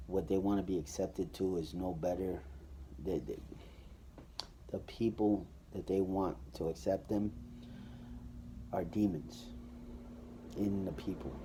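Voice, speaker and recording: Low, dark-voiced man giving testimony. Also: slight background noise. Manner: casual, conversational, loose with fillers and restarts. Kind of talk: personal testimony.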